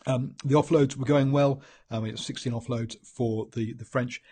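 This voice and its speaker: Fighting a head cold, a New Zealand-accented man hosts a solo rugby analysis that wanders, with plenty of ums and restarts. His congested voice is mid-range, steady and dark-toned with a husky quality, at a normal pace.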